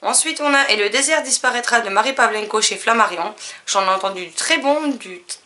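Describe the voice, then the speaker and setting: A woman casually listing her new books, chatty and relaxed, with frequent fillers. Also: fairly high pitch, a little fast. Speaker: book vlogger. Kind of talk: casual book haul chat.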